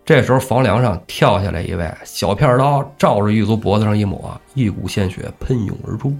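A man narrates an old tale in a relaxed podcast style. He brings the characters' shouts to life with gusto. Faint music plays behind him. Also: lowish voice, brisk, vocal fry. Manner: lively, acts out characters' shouts. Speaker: storyteller host. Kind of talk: casual storytelling podcast.

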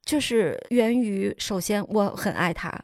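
A woman co-hosting a casual chat, speaking in a measured, reflective way. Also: medium pitch, animated, no room sound, clean studio sound. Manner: measured, reflective, frequent murmured agreement. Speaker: podcast co-host.

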